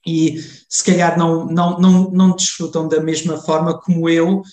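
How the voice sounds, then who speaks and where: Man, slightly high-pitched, interview guest, halting and self-correcting, conversational, echoey room sound. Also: flat delivery, a little mellow. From Germany, of Portuguese family. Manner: hesitant, halting, self-correcting, often restarting. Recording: roomy, echoing sound.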